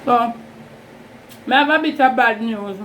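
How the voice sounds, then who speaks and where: A woman with a Jamaican accent chatting casually and informally in a rambling, unhurried way, as a vlogger hosting an eating show. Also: fairly high pitch. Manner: unhurried, informal Creole-inflected phrasing, rambling. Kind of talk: casual mukbang chat. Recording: steady fan noise in background. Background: whirring fan.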